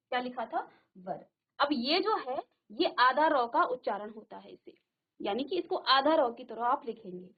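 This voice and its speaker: Slow, high-voiced woman teaching a lesson. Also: muffled recording. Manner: slow, repeats terms and asks the class questions. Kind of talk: classroom grammar lesson. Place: virtual classroom studio.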